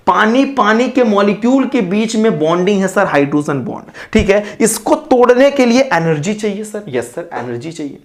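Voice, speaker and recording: A man with an Indian accent teaching chemistry exam questions, asking questions in a student's voice and then answering them himself, in a rushed, repetitive way. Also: high-pitched. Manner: rushed, repetitive explaining with informal asides. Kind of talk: online exam-prep lesson.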